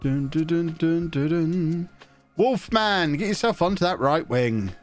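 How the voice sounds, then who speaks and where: A man with a fairly high voice and a slightly blocked nose chats at a measured pace on a live stream while playing a football management game. He's chatty and joking, reads viewers' messages aloud, and hums to himself, with faint music in the background.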